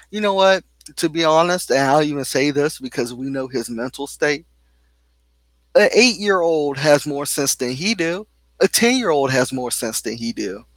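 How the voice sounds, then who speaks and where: A man's voice: mid-range voice, no room sound. A young man venting on his own channel, heated and rambling, full of fillers and asides. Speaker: vlogger. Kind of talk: casual venting monologue.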